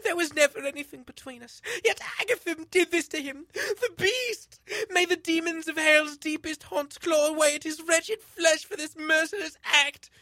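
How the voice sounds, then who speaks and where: A grief-struck young maiden wails and curses in a high, strained voice, as a man puts her on. The delivery is bright and sharp, and the sound is close and dry. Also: moderate pace, hardly any pauses, no room sound. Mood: wailing. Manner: high, wailing, overacted. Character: grieving young woman, melodramatic.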